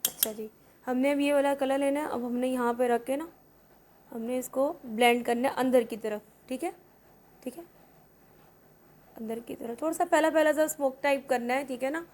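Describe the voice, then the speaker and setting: Chatty high-voiced woman makeup vlogger. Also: fairly even intonation, moderate pace, long pauses, a little mellow. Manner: chatty, repeats "theek hai" often. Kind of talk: casual makeup tutorial.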